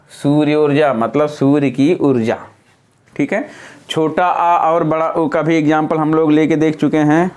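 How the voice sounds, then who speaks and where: A man's voice: a little high, darkish tone. A male teacher explaining a grammar lesson patiently, step by step, while writing on a board.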